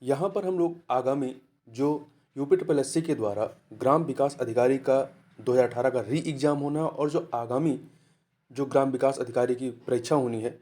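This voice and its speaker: A man's voice: mid-range voice, normal speed, warm tone. A man teaching an exam-prep lesson, explaining answers patiently and repeating key words. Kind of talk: spoken lesson.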